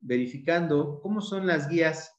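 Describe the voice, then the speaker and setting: A man with a Mexican accent explains an exam-prep lesson step by step, going back over his key points. His voice sits a bit high for a man. The room around him rings with echo. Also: normal speed, highs cut off. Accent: Mexican Spanish. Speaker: teacher.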